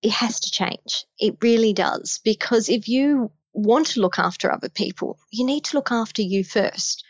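A guest on a podcast, an Australian woman, delivers blunt, emphatic midlife health advice in a slightly high voice. She talks at normal speed with hardly any pauses, and the audio is dull with no room sound.

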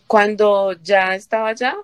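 A woman from Colombia gives a long personal testimony in an interview, halting and repeating herself as she quotes what people said to her. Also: mid-range voice, fairly even intonation, smooth, dry recording. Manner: halting, with fillers and restarts, quotes herself and others. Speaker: interview guest.

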